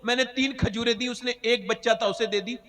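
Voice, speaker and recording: High-voiced preacher, booming with long reverb. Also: male voice, fairly even intonation, brisk. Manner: dramatic, swinging from loud cries to hushed lines, half-sung phrases. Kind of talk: emotional storytelling sermon.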